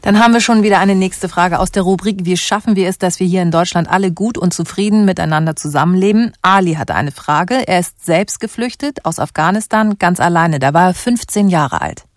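A woman hosting, introducing the next contribution in a lively way. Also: on the low side, a little fast, few pauses, dry recording, studio quality. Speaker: host.

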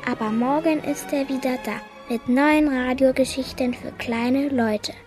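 Man singing a high bright sign-off jingle. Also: steady tone, measured pace. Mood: singsong. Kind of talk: sung show jingle. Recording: jingle with music behind.

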